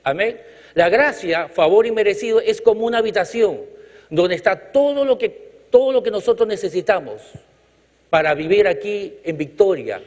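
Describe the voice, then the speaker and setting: This Chilean preacher's voice is high-pitched, animated and darkish, at a normal speed. He preaches in an echoey church hall with emphatic rhythmic repetition and light jokes while the congregation calls out, all captured in dull, reverberant lo-fi sound.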